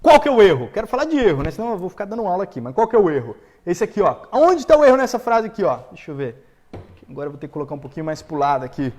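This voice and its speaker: A man with a Brazilian Portuguese accent teaching English on a live stream, quizzing viewers and repeating example sentences slowly. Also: high voice, big pitch swings, darkish tone. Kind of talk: live-streamed language lesson. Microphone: camera setup for a live stream.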